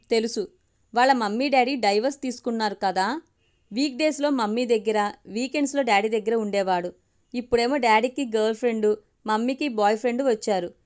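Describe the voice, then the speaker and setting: A woman's voice: a little high, lightly acted. A woman voicing a young boy, a tearful grandson, in a told story with a childlike, earnest manner.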